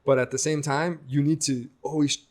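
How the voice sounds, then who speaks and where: A young man from the United States, a guest speaking reflectively in a casual interview, lively when he quotes others. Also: a little high, normal speed.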